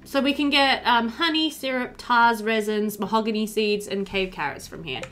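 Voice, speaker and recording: Her voice sits on the high side, fairly bright, at a normal speed, with a little hiss or hum in the recording. She's a gaming video host in her thirties, giving casual let's play commentary at home over game music, thinking aloud and talking to the characters.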